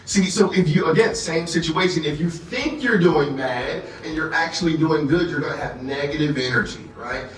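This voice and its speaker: A workshop trainer from America, his voice on the high side, delivers an interactive, motivational sales training at a moderate pace with barely a pause, frequently checking on his listeners. Faint music plays, and the distant mic picks up a roomy echo.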